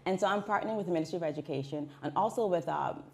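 A woman's voice: fairly low pitch, racing, vocal fry, a little hiss or hum. A woman in her forties, an education researcher, speaking animatedly as a guest in a television studio interview. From Bahamas. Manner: animated, gestures while talking, acts out quoted voices. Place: small indoor TV studio.

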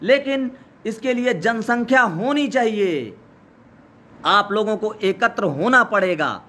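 At an outdoor protest site, a protest organizer delivers a rallying speech live in a very high, bright, strained male voice. Hoarse from days of shouting, he speaks slowly and expressively, pressing his listeners with urgent exhortation and repeating the same call over and over.

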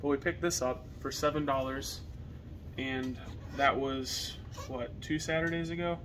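A young American man with a medium-pitched, even voice chats casually to camera at a slightly slow pace. He's a reseller co-hosting a video channel, filmed indoors in a partially finished basement, and the room recording is noisy.

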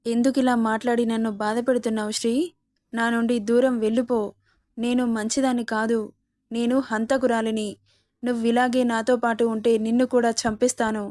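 Guilt-ridden young woman pleading with her lover, story reading , voiced by a woman narrator, fairly high and level. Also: level tone, fairly quick, a little mellow, dry recording, clean studio sound, natural voice.

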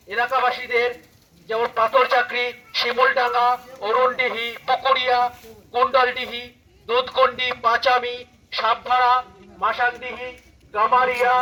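A man reading a formal public warning from the forest department, heard through a megaphone loudspeaker. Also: very high-pitched, low-quality recording.

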